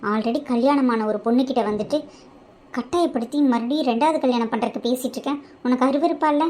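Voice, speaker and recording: Lady doing a fiery young wife in a cartoon, high voice, scolding, light hiss. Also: quick pace, a little mellow, natural voice. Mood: angry. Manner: scolding, exasperated. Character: married young woman, fiercely scolding. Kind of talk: cartoon voice acting.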